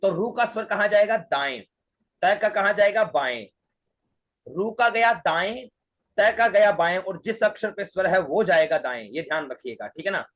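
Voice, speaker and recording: A man's voice: high voice, expressive, normal speed, a bit bright. An Indian man teaching Vedic mantra recitation, patiently repeating syllables and drilling the chant line by line.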